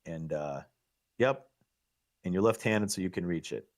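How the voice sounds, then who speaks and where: A middle-aged man giving excitable, coaching commentary on a live pool match, laughing at himself often. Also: deep voice, a little slow.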